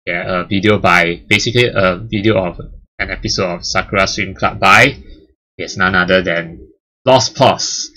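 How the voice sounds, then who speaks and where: Speaking at a moderate pace in a low, bright, forceful voice, this channel host chats loosely about the channel's past, stumbling through fillers and restarts. His first languages are English and Chinese, and the talk marks a milestone in a casual way.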